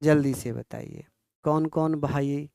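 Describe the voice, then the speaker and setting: A young man teaching an exam-prep lesson fast, repeating answers and quizzing his listeners. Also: a little high, fairly even intonation, vocal fry, mellow, no room sound, clean studio sound. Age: young adult. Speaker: exam coach.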